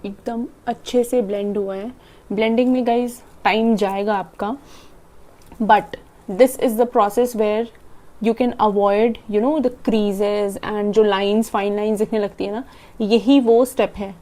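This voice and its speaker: A woman's voice: medium pitch, fairly even intonation, mellow. Chatty Indian woman doing a makeup tutorial. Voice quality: talks fast and swallows half her words. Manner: chatty, demonstrating while applying makeup. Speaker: makeup vlogger. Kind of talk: casual makeup tutorial, Hindi-English mix.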